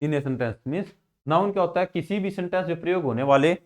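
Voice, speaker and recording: With a slightly high voice and brisk delivery, a Haryanvi-accented Hindi-speaking man from India leads a grammar class, raising questions and then answering them.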